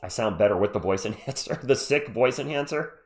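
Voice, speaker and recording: With a medium-pitched, expressive, darkish voice, a man speaks fairly quickly while hosting a live play-by-play stream. He is sick with a cold, and the talk stays casual, with jokey chatter to viewers alongside the sports commentary.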